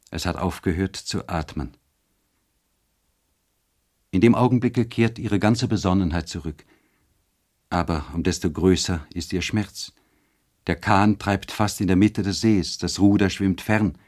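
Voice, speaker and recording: A man narrating a classic novel as an audiobook, measured and expressive. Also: low voice.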